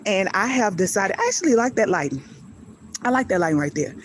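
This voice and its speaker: A woman's voice: mid-range voice, lively intonation, fairly quick, slight background noise. A woman hosting a live faith message outdoors on her daily walk, talking into her phone, out of breath and preaching with building repetition. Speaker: faith channel host. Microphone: handheld phone.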